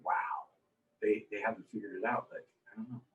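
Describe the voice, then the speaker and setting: A man's voice: lowish voice, steady tone, a little fast, far from the mic, low-quality recording. A man hosting a casual interview, rambling loosely with fillers. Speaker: radio talk show host.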